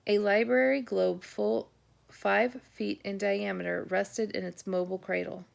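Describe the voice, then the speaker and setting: A woman narrating an audiobook chapter in a steady, descriptive reading manner. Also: medium pitch, unhurried, creaky.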